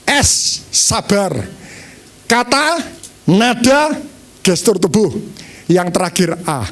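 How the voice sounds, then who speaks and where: A male pastor preaching a sermon to his congregation, animated, acting out different tones of voice. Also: high voice, slow pace.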